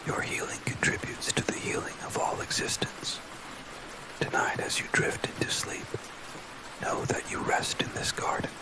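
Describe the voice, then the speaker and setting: Male ASMR narrator for sleep affirmations: soft spa whisper throughout, very slow, gentle and soothing. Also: poor audio. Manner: gentle, soothing, unhurried guided-relaxation delivery.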